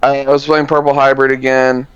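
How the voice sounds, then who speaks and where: A man's voice: mid-range voice, fairly quick, clear, resonant tone, no room sound, lo-fi sound. A man co-hosting a card game podcast, recapping tournament rounds in a loose, rambling way with lots of fillers. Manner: relaxed, rambling, many fillers and self-corrections. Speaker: podcast co-host.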